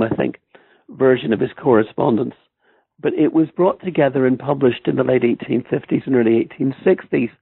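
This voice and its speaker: A man's voice: medium pitch, breathy edge, dry recording. A man with an Irish accent, a historian being interviewed on a podcast, who talks in a hesitant way with many ums and restarts. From Ireland. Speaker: guest historian. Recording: tinny phone-like line.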